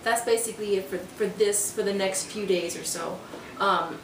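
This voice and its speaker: Filmed by a camera on the counter a few feet off, a young fitness vlogger talks about meal prep in her home kitchen. Her medium-pitched voice moves at normal speed, and her casual chatter is full of fillers and restarts. The camera audio is roomy, distant and noisy.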